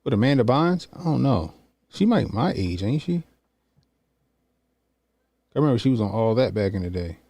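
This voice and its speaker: A man's voice: medium pitch, big pitch swings, moderate pace, pauses often, dark tone, dry recording. A man in his early forties chatting loosely and profanely as he sets up a video to react to. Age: 40s. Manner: loose, profane, thinking aloud. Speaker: reaction streamer. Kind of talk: casual commentary.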